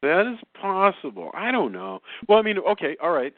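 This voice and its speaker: A man hosting a casual film review podcast, talking in an animated, rambling way with many restarts. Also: high-pitched, normal speed, no echo. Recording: phone-like remote call line.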